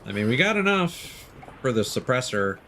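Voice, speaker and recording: Bright and forceful, a man's mid-range voice swings widely in pitch at a normal pace while he streams a game, commenting casually and tossing out muttered jokes to himself. Clear video game noise fills the background.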